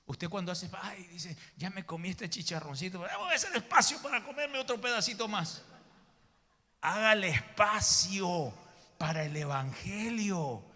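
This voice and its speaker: A man's voice: high-pitched, normal speed, sharp tone, long reverb tail. A male pastor preaching a sermon in church, emphatic, calling his listeners brother and acting out the people in his stories. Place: church sanctuary.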